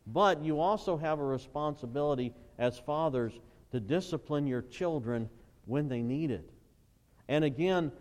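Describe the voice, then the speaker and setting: Emphatic preacher man in a reverberant hall. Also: medium pitch. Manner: emphatic preaching, swells to loud bursts, reads scripture aloud. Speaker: pastor. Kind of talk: sermon. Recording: long reverb of a large church hall.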